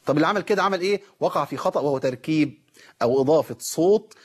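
Husky, fast-talking Egyptian man teaching. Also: fairly high pitch. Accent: Egyptian Arabic. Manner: explains with rhetorical questions, demonstrates recitation. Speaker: Quran recitation teacher. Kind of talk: tajweed lesson.

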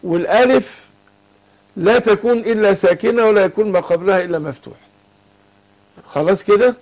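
An Egyptian man with a high voice teaches Quran recitation rules on a call-in lesson. He talks patiently and keeps prompting his student to complete each word. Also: fairly quick, a little mellow. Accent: Egyptian Arabic. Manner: patient, asks students to fill in words.

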